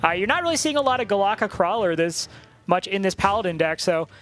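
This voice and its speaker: A man casting a card game tournament, talking through plays with quick joking banter. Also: high voice, animated, a bit bright. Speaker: esports caster. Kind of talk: play-by-play commentary.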